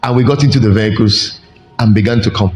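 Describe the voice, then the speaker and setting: A man preaching a sermon as pastor, with animated delivery, sudden jumps in pitch and slow emphatic stretches. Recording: echoey hall with faint music.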